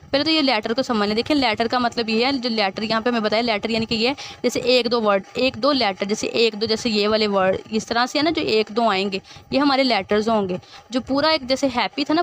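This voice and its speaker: Patient woman teacher, slightly high voice. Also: a bit bright, slight background noise. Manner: reads English text slowly, then explains it in Hindustani; patient, repeats key words. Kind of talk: classroom grammar lesson.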